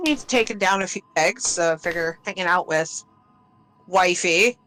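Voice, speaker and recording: A woman's voice: lowish voice, normal speed, fairly bright tone, no echo, faint music behind, close to an everyday voice. A woman voicing a sly, smug captive woman who teases with dry, mocking remarks during a tabletop role-play. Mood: sardonic.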